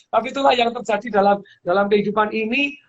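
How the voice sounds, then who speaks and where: A middle-aged man giving casual advice as a guest speaker, animated, laughing often and acting out the lines he quotes. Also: high-pitched, normal speed. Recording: dull lo-fi audio with faint hiss.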